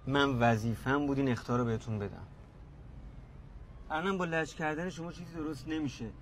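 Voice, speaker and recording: An actor playing a young doctor son trying to calm his parents, in a TV drama. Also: medium pitch, a little hiss or hum, natural voice. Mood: firm. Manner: pleading, placating.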